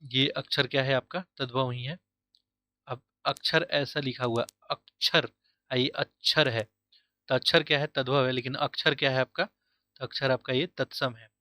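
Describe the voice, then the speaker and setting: A man with a bright, forceful mid-range voice, fairly even intonation and a moderate pace delivers an online exam-prep lesson in Hindi, recorded at studio quality with no echo. He asks himself questions and repeats the answers to drill them in, mixing in English words like "easily", "correct" and "option".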